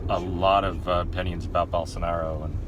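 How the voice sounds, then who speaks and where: A man chatting casually in a vlog, halting and repeating words, laughing often. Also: low voice, flat delivery, noisy background. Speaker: vlogger. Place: outdoors by cars, then inside a car.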